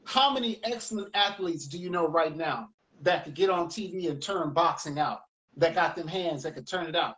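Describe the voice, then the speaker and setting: A man's voice: on the high side, normal speed, low-quality recording. A man from the United States, a music teacher, telling stories in a casual, rambling interview chat. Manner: animated, rambling storyteller.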